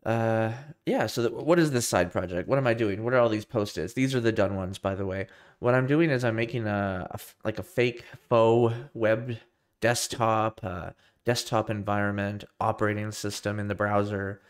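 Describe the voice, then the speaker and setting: A man with a somewhat low voice, sounding nasal as he gets over a cold. He chats loosely and with self-deprecating humor to viewers of his live coding stream, often starting over mid-sentence. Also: normal speed, smooth. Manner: rambling, loose and self-deprecating, many restarts. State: tail end of a cold. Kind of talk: casual live-stream chat. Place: home room with a computer rack.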